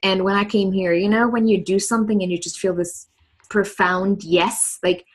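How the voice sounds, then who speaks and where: A woman in her thirties from East Germany, with a German accent, tells her story as a podcast guest in casual conversational style. Her medium-pitched voice moves at normal speed, relaxed, earnest and reflective, with frequent laughs and "like" fillers.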